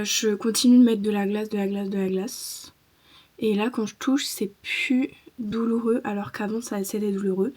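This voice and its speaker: A vlogger with a fairly high, warm voice talks informally to the camera, full of slang. She's mildly complaining, since her mouth is still sore and swollen after wisdom teeth removal.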